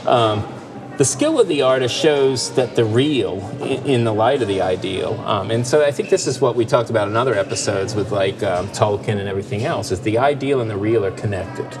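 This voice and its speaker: A man of part Finnish heritage co-hosts a casual podcast discussion, talking briskly in a fairly low voice over music. He speaks thoughtfully but with many fillers and restarts.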